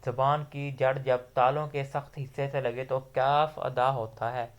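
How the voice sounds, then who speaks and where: Patient man teaching letter sounds slowly. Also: medium pitch, flat delivery, dull audio. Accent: Pakistani Urdu. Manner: patient, explains letter sounds step by step, drawing out example letters. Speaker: Quran recitation teacher. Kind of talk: slow explanatory lesson.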